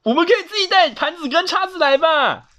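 A man's voice: extremely high pitch, expressive, a little fast, bright, forceful tone, pitched above the performer's own voice, full character voice. A man putting on the voices of small, cheerful young forest animals in a bedtime story. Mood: eager. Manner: chirpy and eager.

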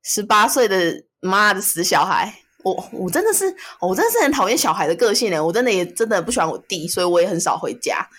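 A woman co-hosting a casual chat podcast, reacting with quick exclamations and repeating words for emphasis. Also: mid-range voice, very animated, a bit bright, husky. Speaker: podcast co-host.

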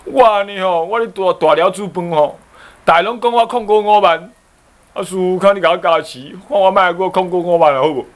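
A man's voice: sits high, voice pushed up, lightly acted. A man voicing a tearful young Buddhist nun who pleads with her teacher in Taiwanese Hokkien. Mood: pleading. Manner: pleading, drawn-out calls.

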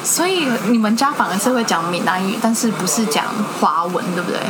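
A woman's voice: medium pitch, lively intonation, fairly quick, heavy background noise. A woman from Taiwan with a Taiwanese accent chats casually, asking questions and often checking with tag questions. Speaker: interviewer, language exchange partner. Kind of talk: casual chat.

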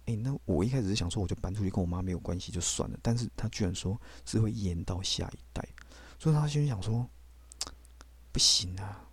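A man's voice: deep voice, darkish tone, husky, dry recording. A man, telling his faith testimony on a podcast in a blunt, candid way with casual swearing. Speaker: podcast host.

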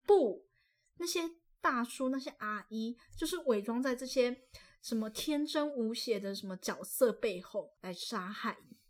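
A young woman with a fairly high voice tells stories on a casual podcast. She is animated and playfully boastful. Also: moderate pace. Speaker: podcast co-host. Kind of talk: casual chat, storytelling.

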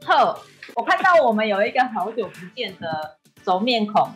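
A woman with a Taiwanese accent hosting a talk show in a lively, casual style. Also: mid-range voice, normal speed, faint music behind.

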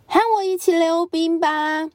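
Woman voicing a bubbly lady pig, high voice, storybook. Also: level tone, a little slow, a little mellow, dry recording. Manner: bubbly, inviting.

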